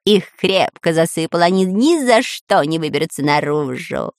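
A woman's voice: deep voice, expressive, normal speed, no echo, clean studio sound, voice pushed down. A woman voicing a boastful male parrot who serves a villain in a children's audiobook, gleeful and crowing. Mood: gloating.

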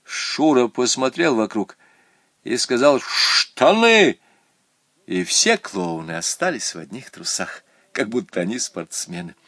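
A man narrating a children's story aloud in an animated, expressive manner. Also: medium pitch, a little slow, vocal fry, no echo, studio quality.

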